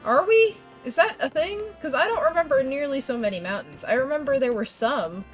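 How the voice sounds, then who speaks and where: Congested from a cold, this young woman game streamer rambles chattily to her viewers, often laughing and restarting her sentences over faint game music. Her voice is high-pitched and a little fast, with lively intonation.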